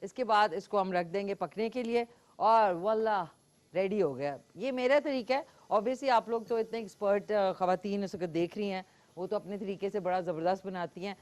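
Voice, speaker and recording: A woman's voice: medium pitch, normal speed, a little mellow. A woman with a Pakistani Urdu accent hosting a live cooking show, chatting as she cooks and takes callers. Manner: chatty, talks while cooking, frequent fillers.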